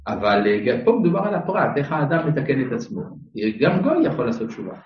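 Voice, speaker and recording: A man's voice: medium pitch, big pitch swings. A man teaching a Torah class to a live audience, questioning his listeners directly and adding dry humorous asides. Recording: echoey room, mic far off, dull sound.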